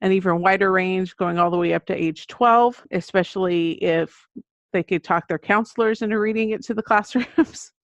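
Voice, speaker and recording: An American children's book author, a woman guest on a podcast, explains things earnestly and conversationally. Her voice is medium-pitched at a moderate pace, with no room sound, though the audio is muffled and dull lo-fi.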